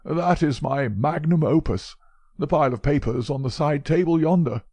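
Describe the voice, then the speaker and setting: A man's voice: fairly high pitch, normal speed, mellow, husky, dry recording, pitched above the performer's own voice. A man voicing a frail, fussy old male professor who speaks in a precise, mincing way. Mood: anxious, flattering.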